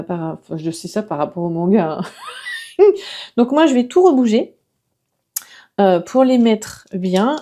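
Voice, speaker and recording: A woman chatting casually to her viewers as she unboxes art supplies, enthusiastic and exclamatory, often pausing to search for words. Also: medium pitch, mellow. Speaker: watercolour artist and video host.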